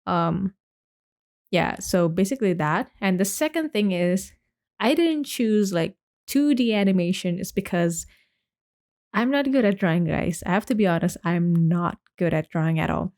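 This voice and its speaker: On her solo podcast, this young host from Indonesia speaks at a moderate pace in an expressive, mid-range, somewhat mellow voice. Her talk is loose and chatty, wandering along with plenty of "likes" and restarted sentences.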